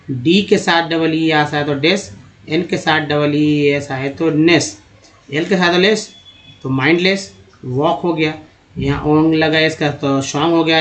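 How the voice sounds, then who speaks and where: A man gives a spoken lesson over slides, naming letters and then sounding them out part by part. His voice sits a little on the high side. He talks to his viewers as friends. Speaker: English reading teacher.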